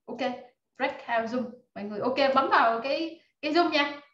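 Energetic woman teaching online. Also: high voice, brisk, a little hiss or hum. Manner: energetic, rallying the class with many fillers. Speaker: online course instructor. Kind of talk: live online class over video call. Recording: echoey, dull video-call audio.

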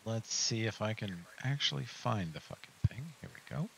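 Male game master, lower register, casual narration and rules talk for a tabletop session. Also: animated, moderate pace, creaky, a bit bright, a little hiss or hum, low-quality recording.

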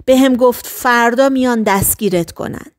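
A woman's voice: fairly high pitch, close to an everyday voice. Woman reading as an urgent male friend.

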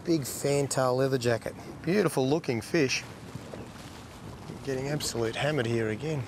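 A man's voice: mid-range voice, moderate pace, noisy background. A middle-aged Australian man hosting a fishing show from a boat, chatting in a matey, slangy tradesman way. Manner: blokey Aussie tradesman way of talking, matey slang. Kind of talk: casual on-the-water fishing commentary. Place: small open boat on a lake. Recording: outdoor boat recording with music behind.

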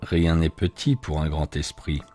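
A man reading as a quiet genius detective. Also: on the high side, huge pitch swings, moderate pace, faint music behind, pitched above the performer's own voice. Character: genius male detective, calm, sharp-minded.

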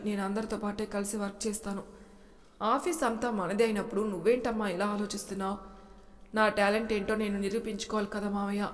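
A woman narrating a serialized family drama story and voicing every character herself, with rising emotion in the shouting scenes. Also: medium pitch, in a large hall.

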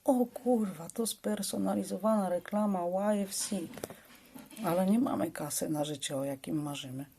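A woman's voice: deep voice, a little fast, hardly any pauses, mellow, slight background noise. A woman voicing a foul-mouthed, jumpy young woman who swears and speaks urgently. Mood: swearing, urgent.

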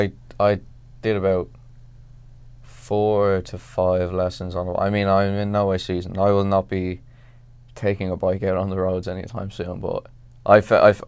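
A young man from Ireland with an Irish accent, an actor chatting casually in an interview, halting and self-deprecating with lots of restarts. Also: low-pitched, clean tone, dry recording. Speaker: actor guest.

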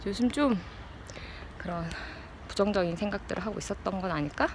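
A woman in her thirties chatting casually and reflectively to a phone at arm's length outdoors, in halting phrases as she searches for words. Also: mid-range voice. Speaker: vlogger. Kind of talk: casual reflective chat to camera. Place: outdoors in an open park with trees. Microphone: phone held at arm's length. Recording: clear outdoor background noise. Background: outdoor park ambience.

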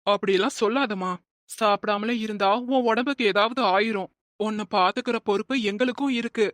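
A woman voicing a kind middle-aged man in a cartoon, speaking with gentle concern and mild scolding. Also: medium pitch, brisk, no echo, clean studio sound, natural voice. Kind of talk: cartoon voice acting.

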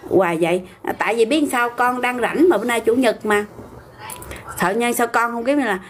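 A woman's voice: on the high side, moderate pace, a little hiss or hum. An older woman with a Southern Vietnamese accent, hosting a casual livestream, talking back bluntly and argumentatively to viewer comments.

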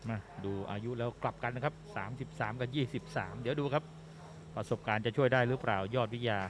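A man's voice: mid-range voice, fast talker, background noise. A man giving conversational boxing commentary as a television co-commentator. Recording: loud music behind the voice. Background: loud music.

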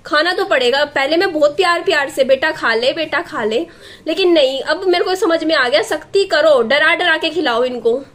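A woman's voice: high voice, moderate pace, hardly any pauses, a bit bright. A young woman vlogging at home as a mother, chatting to viewers and coaxing and scolding her child. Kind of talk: casual home vlog chat.

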